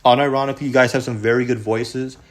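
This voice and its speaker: A man's voice: mid-range voice, steady tone, fast. A young man hosting a casual, rambling book review, full of fillers like "honestly" and "unironically". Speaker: video host.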